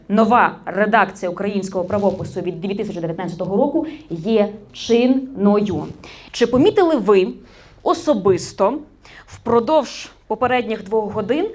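A woman's voice: mid-range voice, a little mellow. A woman media trainer giving an interactive workshop on correct Ukrainian usage, quizzing her audience and correcting common mistakes, with a Ukrainian accent.

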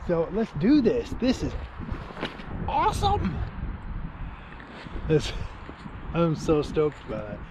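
Slow-talking man vlogging on a windy riverbank. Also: fairly high pitch. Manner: laid-back, says "man" and "dude" a lot, excitable when he lands a fish. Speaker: angling vlogger. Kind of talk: casual fishing vlog. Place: outdoors on a grassy riverbank. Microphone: action camera held close or set nearby. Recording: outdoor wind and ambient noise.

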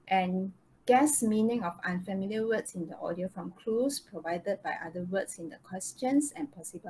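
Here the same kind of lesson comes from a woman whose voice is medium-pitched, darkish and a bit rough, with a Malaysian accent, walking learners through English step by step and confirming they follow. The audio is a noisy online video call captured on the call's microphone.

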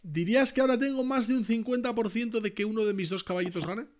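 A man from commentating live poker, excitable and bursting into shouts on big hands. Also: high-pitched, fast talker.

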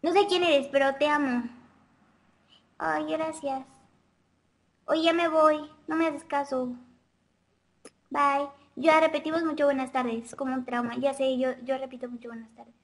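Girlish high-voiced chatty woman. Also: fairly even intonation, moderate pace. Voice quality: childlike girlish voice. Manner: chatty, girlish, reads out and answers viewer comments. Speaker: vlogger answering viewer questions live. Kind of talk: casual webcam live chat. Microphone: webcam mic.

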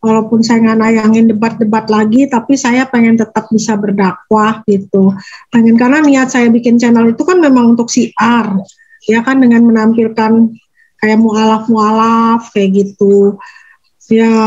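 A woman speaking as an interview guest in casual conversation, talking at length in a halting way and often correcting herself mid-sentence. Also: a little high, a little mellow, lo-fi sound.

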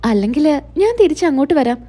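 A woman's voice: high-pitched, expressive, fast, dark tone. A woman voicing a scheming young husband who talks in a soothing, falsely sweet way. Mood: coaxing.

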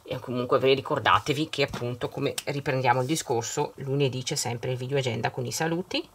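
A woman's voice: rumbling low, fairly even intonation, brisk, a little hiss or hum. A middle-aged woman vlogger chatting casually while decorating her planner and opening a surprise bag, reading out long lists of greetings. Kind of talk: casual chat while unboxing.

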